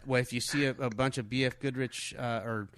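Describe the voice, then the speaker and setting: A man's voice: mid-range voice, fairly even intonation, fairly quick, fairly bright tone, slight background noise. A man leading a group trip, chatting casually and giving plain, matter-of-fact directions. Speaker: group tour organizer. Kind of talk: casual chat.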